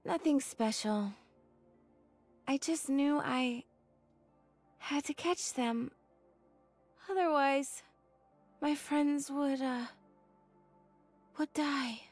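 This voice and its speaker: Tired young soldier girl from a video game, high voice, really slow, blunt and loyal. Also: dry recording, faint music behind. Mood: weary, subdued.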